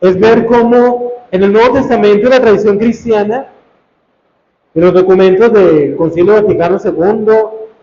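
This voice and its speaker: A priest teaching a sermon, slow and emphatic, repeating key phrases for weight. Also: male voice, sits high, a little hiss or hum. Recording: dull, echoey room recording.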